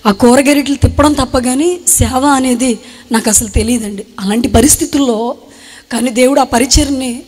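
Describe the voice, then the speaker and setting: A woman's voice: sits high, a little mellow. Young woman giving an earnest testimony, echoing. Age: young adult. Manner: earnest, halting retelling in short phrases. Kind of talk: emotional spoken testimony. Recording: long hall reverb.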